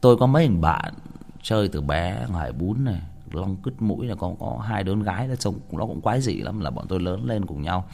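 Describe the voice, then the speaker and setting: Male storyteller, low voice with a lively swing, casual and crude. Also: a little fast, gravelly, slight background noise. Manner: crude, colloquial and animated.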